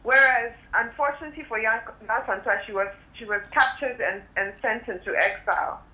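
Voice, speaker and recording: A woman's voice: fairly high pitch, fairly quick, sharp tone. A woman guest calling in by phone, speaking with emphatic, impassioned commentary. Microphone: telephone. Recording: tinny phone line, echoey.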